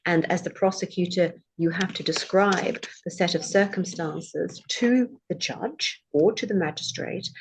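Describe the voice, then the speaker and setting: A woman speaks with care as a former prosecutor. She explains formal legal words clearly and gives examples of each. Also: sits low, a little mellow. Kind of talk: conversational explanation.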